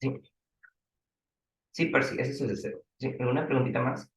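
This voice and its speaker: A man's voice: mid-range voice, flat delivery, normal speed, roomy sound, poor audio. A man with a Peruvian accent teaching a language class, questioning his students and explaining with examples. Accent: Peruvian Spanish. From Peru. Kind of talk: online class lecture.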